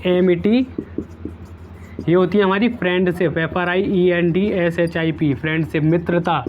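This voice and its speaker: A man's voice: high voice, lo-fi sound, a little hiss or hum. A man teaching an exam-prep vocabulary lesson, repeating each word several times and using playful memory tricks.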